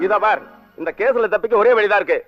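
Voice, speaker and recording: An actor plays a scheming courtroom lawyer, curt and quick, with a high, lively voice. The film soundtrack is slightly muffled, with soft music behind. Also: male voice, natural voice. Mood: brisk. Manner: brisk, curt. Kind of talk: film drama dialogue.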